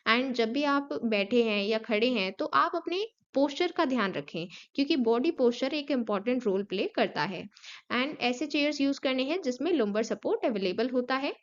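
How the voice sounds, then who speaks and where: A woman's voice: high voice, expressive, normal speed, lo-fi sound. A woman with an Indian accent teaching an online class, explaining steadily with frequent fillers and English terms.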